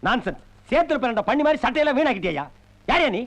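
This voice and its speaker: A sarcastic village joker. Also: male voice, very high-pitched, sing-song, fairly bright tone, full character voice. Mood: mocking. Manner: rapid scolding wisecracks. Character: sarcastic middle-aged village man, quick mocking retorts. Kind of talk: 1990s film comedy dialogue.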